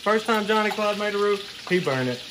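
Chopping and stirring in his own kitchen, a young cooking show host talks to the viewer in an animated, high-sitting voice at a slightly fast pace. A camera mic some distance away records him over the sizzle of a frying pan.

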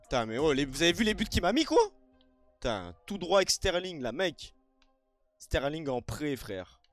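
Young French gamer, high lively voice, shouty and sulky by turns, faint music under it. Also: male voice, normal speed, dry recording. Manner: swings between shouting outbursts and muttered grumbling, with sing-song taunts. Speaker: gaming streamer. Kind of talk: raging gameplay commentary.

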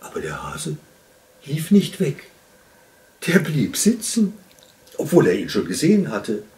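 A man reading a children's story aloud in an expressive, unhurried storytelling voice. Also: a little high, distant mic.

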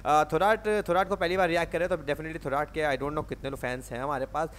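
A man hosting a music reaction video in a casual, excitable chat, who mixes English into his talk and keeps saying "bro" and "okay.". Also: a little high, fairly quick, slight background noise. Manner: excitable, laughs easily.

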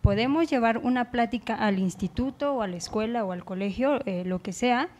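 A woman's voice: a little high, a little fast, a little mellow, a little hiss or hum. A woman lawyer, explaining earnestly in a talk show discussion. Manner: earnest, explanatory, acts out quoted teens. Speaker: lawyer guest.

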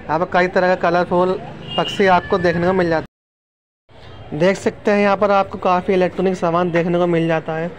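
A man's voice: high-pitched, level tone, brisk. Chatty man touring an outdoor market. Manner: chatty, calls viewers "friends" often. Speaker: vlogger. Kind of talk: casual walking tour narration. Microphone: handheld phone camera. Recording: outdoor phone audio with street noise. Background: street noise.

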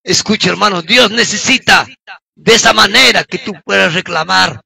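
A middle-aged man from Peru gives a fervent sermon testimony and often breaks into shouts. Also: high voice, normal speed, gravelly. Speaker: preacher giving testimony.

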